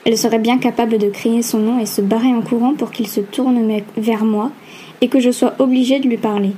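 A woman narrating a first-person novel aloud in an even, steady reading. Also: fairly high pitch, fairly quick, slight background noise. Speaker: audiobook narrator.

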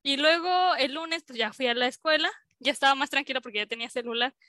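A woman's voice: high-pitched, quick pace, pushed and bright, no echo. A young woman with a Mexican accent, a scientist telling a story as an interview guest in a chatty way, full of fillers, acting out the dialogue she quotes. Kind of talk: casual storytelling.

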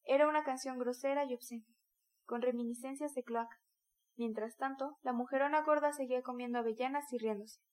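A woman narrating a classic novel aloud in a dramatic, expressive reading. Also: high-pitched, a little fast. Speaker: audiobook narrator. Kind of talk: scripted narration.

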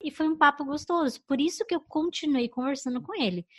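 A young woman from Brazil tells a personal story in relaxed chat. Her voice sits high, and she slips into lively quoted voices. The recording is dry and close, with no room sound. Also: fairly quick, no room sound. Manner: animated, acts out quoted lines.

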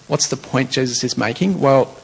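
A man's voice: mid-range voice, moderate pace, vocal fry, husky, rough recording. A man preaching a conversational, explanatory sermon, working through a passage verse by verse.

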